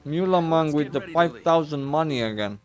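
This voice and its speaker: A man's voice: fairly high pitch, lively intonation, moderate pace, a little mellow, soft background music. A man live-streaming a video game, chatting casually and rambling with many fillers and restarts while he eats. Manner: rambling, full of fillers and restarts, talking with his mouth full. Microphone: desk mic.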